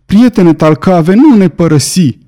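A man's voice: big pitch swings, mellow, natural voice. A man reading an audiobook, voicing a desperate young boy in a raised, pleading voice. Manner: high, pleading cries. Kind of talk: audiobook character voice.

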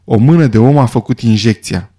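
A man's voice: medium pitch, warm tone, breathy edge, close to an everyday voice. A man voicing a grave male doctor who speaks with a trace of uncertainty.

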